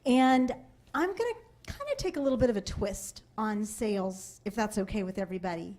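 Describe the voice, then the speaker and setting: Animated woman giving a sales seminar. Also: mid-range voice, brisk. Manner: animated storytelling, acting out family voices. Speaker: sales trainer and speaker. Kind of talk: seminar talk to a live audience. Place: seminar room.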